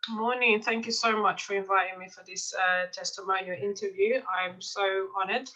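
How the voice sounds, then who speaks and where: A woman from Mozambique whose first language is Portuguese chats through her stories with a bright, clear, mid-pitched voice, restarting sentences and dropping frequent "um"s and "uh"s. It's a casual testimonial interview involving a life coach and client, and the recording is muffled.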